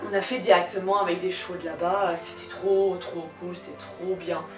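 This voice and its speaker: A woman's voice: on the low side, moderate pace. Young woman storytelling in an echoey room, slightly cracking voice. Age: young adult. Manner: animated, giggly, blunt slangy delivery. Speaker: video creator telling personal anecdotes. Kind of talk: casual storytelling vlog. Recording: echoey room, distant microphone. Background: faint music.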